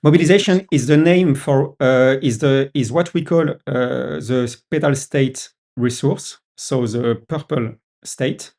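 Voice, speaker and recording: Male, French accent, gravelly, hesitant developer explaining features in a call. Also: mid-range voice, a little slow, few pauses, darkish tone. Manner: hesitant, many "uh" fillers. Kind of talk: casual video-call discussion.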